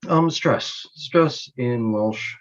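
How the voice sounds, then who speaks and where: A man presenting a conference talk on linguistics, explaining slowly and carefully with frequent ums and self-corrections. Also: mid-range voice, muffled recording. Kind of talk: recorded academic conference talk.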